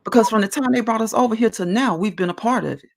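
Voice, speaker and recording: Emphatic woman with a gravelly edge. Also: on the high side, quick pace. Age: 40s. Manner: earnest, emphatic, explaining at length. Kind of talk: casual discussion.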